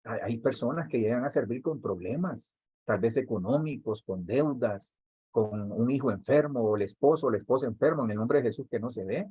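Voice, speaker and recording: A Honduran man preaching a teaching sermon to church workers in a slightly husky, middle-pitched voice. He talks straight to his listeners, often repeating a word to build emphasis. The sound is dry and close, with little room echo. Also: animated, a little fast, mellow. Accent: Honduran Spanish. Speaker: pastor.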